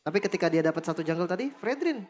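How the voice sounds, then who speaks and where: A woman's voice: on the low side, lively intonation, racing, background noise. A woman giving casual live analysis of a game match. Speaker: esports analyst commentator. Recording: loud music behind the voice. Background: music.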